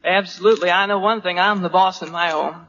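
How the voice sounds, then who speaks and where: A man's voice: high voice, steady tone, quick pace, pushed and bright. A man bantering in an emphatic, terse way as a radio quiz contestant. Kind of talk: informal banter. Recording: muffled, noisy old radio recording.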